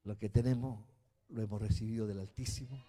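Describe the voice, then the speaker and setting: A man, a bishop preaching a sermon, who swings from quiet, slow passages to shouted emphasis. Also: lowish voice, steady tone. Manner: spells out words slowly.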